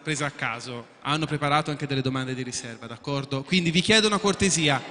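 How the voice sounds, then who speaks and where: A man's voice: mid-range voice, fast talker, sharp tone, a little hiss or hum. A man hosting a live quiz, explaining the rules to contestants in a chatty way and often asking if everyone agrees. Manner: chatty, repeats and restarts, asks for agreement. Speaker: quiz show host. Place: event hall with contestants. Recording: echoey hall.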